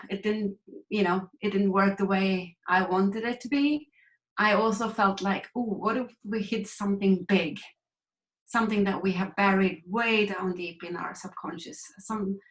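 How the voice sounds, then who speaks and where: Speaking as an interview guest in a conversational setting, a Swedish woman who works as a grief recovery coach shares her story with candor and reflection. Her pitch is medium, the sound roomy, and the audio quality poor.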